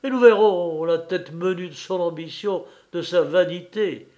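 A man's voice: high-pitched, a little slow, darkish tone. Butscha, sly hunchbacked young man, read by a man.

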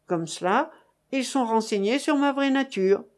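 A man's voice: very high-pitched, a little slow, pitched above the performer's own voice. Woman doing a pompous old revolutionary judge. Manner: bombastic, swinging between bluster and whispers.

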